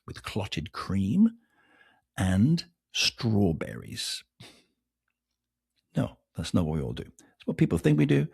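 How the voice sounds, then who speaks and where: Gravelly man with animated delivery. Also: medium pitch. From England. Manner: joking, self-mocking, full of rhetorical questions. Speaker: podcast host. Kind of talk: casual motivational monologue.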